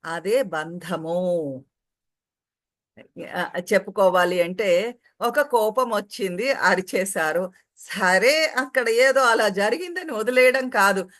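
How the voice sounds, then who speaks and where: A woman teaching in a calm spiritual discourse. She explains patiently, sometimes recites Sanskrit verses, and acts out short everyday quotes as examples. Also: medium pitch, slow, pauses often. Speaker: spiritual teacher translating commentary.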